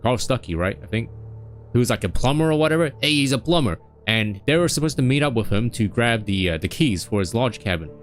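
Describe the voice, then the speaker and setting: A man's voice: medium pitch, expressive, fairly quick. A young man recapping a story in a casual, rambling way, with many fillers and asides. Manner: rambling, with frequent fillers and acted-out voices. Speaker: streamer.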